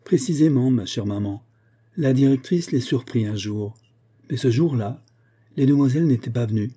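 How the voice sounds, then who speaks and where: A man's voice: mid-range voice, normal speed, warm tone, slightly rough, natural voice. A man voicing a remorseful, indignant young noblewoman in an audiobook, pleading earnestly. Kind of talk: audiobook character voice.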